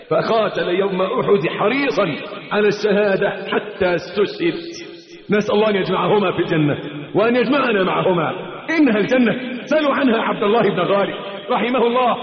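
A man with an Egyptian accent preaching a mosque sermon, telling stories dramatically and acting out the quotes in colloquial asides. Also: sits high. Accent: Egyptian Arabic. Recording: echoey dull hall recording.

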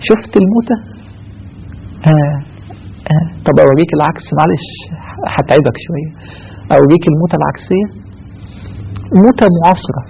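A man's voice: on the high side, brisk, gravelly, pauses often, narrow, tinny audio, a little hiss or hum. A man with an Egyptian accent preaching a sermon, telling stories with passion. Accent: Egyptian Arabic. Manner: impassioned storytelling.

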